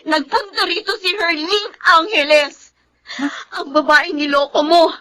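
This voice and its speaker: Betrayed young girlfriend, really high voice, angry and accusing, radio drama style. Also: measured pace, sharp tone, full character voice. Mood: accusing, tearful. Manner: accusing, emotional. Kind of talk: Tagalog radio drama acting.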